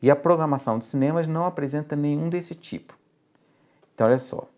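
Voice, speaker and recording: A Brazilian man teaches logic for exam prep in a low, dark voice. He walks through each step and keeps checking that his students follow. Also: fast. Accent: Brazilian Portuguese. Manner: explains step by step, often checks in with "ok?" and "tá?".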